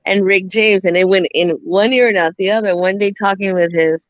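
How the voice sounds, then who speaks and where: A woman's voice: mid-range voice, steady tone, brisk, dry recording, dull audio. A woman in her forties, from Southern California, telling stories in a casual chat and laughing often. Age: 40s. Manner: laughs often, tells stories with lots of "I'm like".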